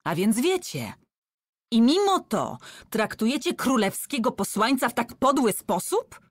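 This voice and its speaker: A woman's voice: a little high, big pitch swings, unhurried, no echo, clean studio sound, voice pushed up. A woman voicing a young woman who bluffs as a countess, speaking in a raised, agitated, pleading way. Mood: agitated, defiant.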